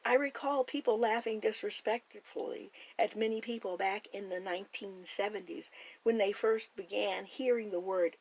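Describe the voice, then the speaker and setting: An older woman with a gentle, earnest and hopeful way of talking, giving a reflective personal monologue. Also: mid-range voice, poor audio. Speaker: food blogger and podcaster.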